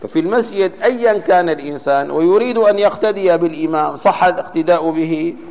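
A man teaches Islamic law in a voice pitched a little high. He explains patiently, quotes texts and sounds out letters to show correct pronunciation. His voice carries a long reverb from a large mosque hall. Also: fast talker, a little mellow. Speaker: religious teacher. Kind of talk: Islamic jurisprudence lesson.

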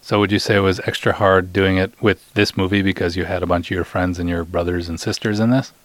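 This podcast host, a middle-aged man, speaks fast in a low voice with a flat delivery. He handles casual hosting and a light interview in a playful, teasing way, and the audio carries no room sound.

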